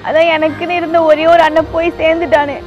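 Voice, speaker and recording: A woman's voice: very high-pitched, flat delivery, fast, muffled recording. A young woman acting in a comedy skit, talking in a tearful, wheedling way. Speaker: comic actor. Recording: music over the scene.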